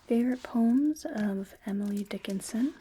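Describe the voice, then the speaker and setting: A woman in an ASMR role-play as a librarian, using a soft, breathy library soft voice with a gentle, unhurried murmur. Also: a little high, slight background noise. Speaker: ASMR performer playing a librarian.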